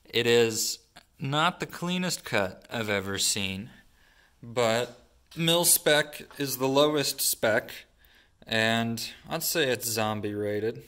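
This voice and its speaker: Brief: young male host, deadpan dry delivery, mid-pitched, comic vlog narration. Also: takes it slowly. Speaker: gun channel host. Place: workshop and backyard.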